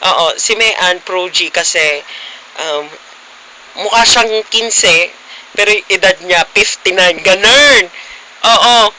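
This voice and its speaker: A man's voice: sits high, slow pace, long pauses, bright, forceful tone, slight background noise, poor audio. A young man vlogging casually, teasing his friends playfully with frequent giggles. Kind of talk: casual vlog chat.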